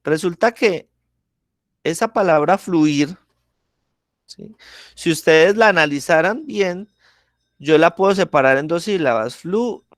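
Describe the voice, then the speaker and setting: A man's voice: a little high, unhurried, long pauses, no echo, clean studio sound. A man teaching a class, explaining step by step with examples and often checking that students follow. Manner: keeps checking in with the class, asking ¿listo? and ¿sí?. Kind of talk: online class lesson.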